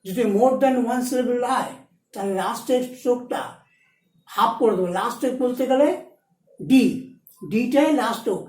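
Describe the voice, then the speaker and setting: Woman teacher going over shorthand rules, kinda high voice, mellow, echoey room. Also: normal speed, long pauses. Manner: repeats key points, switches between Bengali and Hindi. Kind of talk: explaining rules step by step in a lesson.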